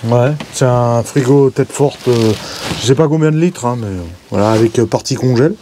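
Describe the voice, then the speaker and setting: Here the camper van tour comes from a vlogger recording on a body-worn camera indoors, talking loosely and haltingly with many fillers while he points out details. The voice is medium-pitched and mellow, with some faint hiss or hum in the background.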